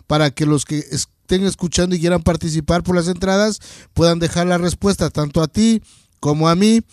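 A man hosting a radio interview, encouraging and halting with many fillers. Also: high voice, steady tone, darkish tone, dry recording, studio quality. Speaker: radio show host. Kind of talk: casual interview chat.

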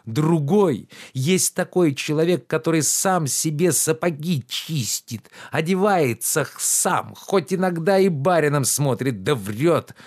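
A man voicing a pampered, idle middle-aged gentleman who lectures his servant in a shrill, indignant tone. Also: animated, unhurried, few pauses. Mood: indignant lecturing.

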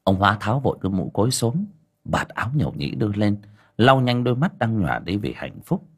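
A man narrating an audiobook in a dramatic, expressive way. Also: on the low side, a little fast, husky. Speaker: storyteller.

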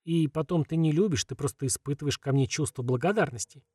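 A man voicing a tender, teasing young woman in an audiobook, speaking softly and quietly. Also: fairly high pitch, quick pace, slightly rough, dry recording, studio quality, far from the mic.

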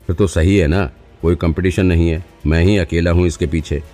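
A man's voice: sits low, steady tone, moderate pace, warm tone, faint music behind, natural voice. A man doing a cocky young cop.

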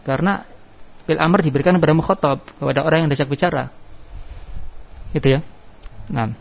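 A male grammar teacher with a slightly high, creaky voice talks a little fast as he explains the lesson step by step. He keeps asking the class questions that he answers himself. The recording is a dull, lo-fi one made in a classroom.

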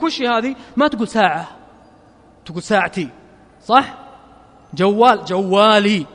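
Male Gulf Arabic preacher, fairly high voice; slow chanted verses, brisk conversational asides; long reverb of a big hall. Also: fairly bright tone. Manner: chants verses slowly, then explains in quick casual asides. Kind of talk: sermon.

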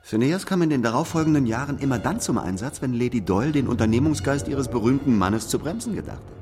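An actor playing Sherlock Holmes in a German radio play, a smug, coolly merciless detective who lectures and needles in a deliberate, superior way. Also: male voice, mid-range voice, expressive, over music, natural voice. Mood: coolly accusing.

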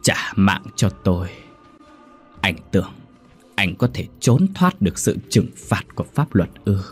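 A man voicing a vengeful young female ghost who speaks slowly and coldly in a storybook horror tale. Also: low voice, animated, husky, soft background music, full character voice. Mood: accusing.

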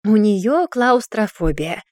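A woman's voice: a little high, animated, normal speed, a little mellow, no echo, studio quality, voice pushed up, close to an everyday voice. A woman reading a storybook voices a snide young woman who speaks condescendingly and teasingly.

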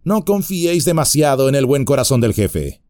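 A man's voice: mid-range voice, very animated, normal speed, darkish tone, no echo, clean studio sound, voice pushed up, close to an everyday voice. A man voicing a big, sneering, brutish ruffian in an audiobook, menacing and mocking. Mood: threatening.

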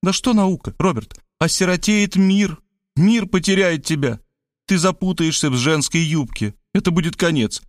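Audiobook figure: man raising his voice to play a doting, melodramatic woman, high and gushing, dry close sound. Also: normal speed, no echo, lightly acted. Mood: doting, dramatic. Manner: gushing, pathetic exclamations, high-pitched. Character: pleading, theatrical middle-aged woman, doting and dramatic. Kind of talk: audiobook character voice.

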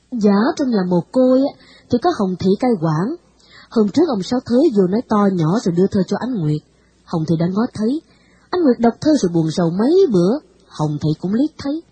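Breathy woman storyteller. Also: mid-range voice, warm tone, dry recording, poor audio. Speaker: narrator. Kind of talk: storytelling reading of a novel.

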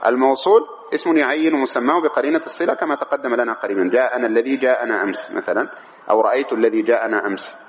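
A man teaching an Arabic grammar lesson who asks the class questions and answers them himself, often checking that they follow. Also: mid-range voice. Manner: keeps checking understanding; slow, measured reading of the text. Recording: dull lo-fi recording with faint noise.

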